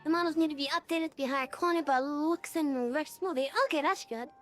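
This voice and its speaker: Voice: sits high, fast, fairly bright tone, soft background music. Streamer through a voice changer. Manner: rambling, many fillers and restarts. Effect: voice changer, real-time. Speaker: game streamer. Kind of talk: casual live-stream chat.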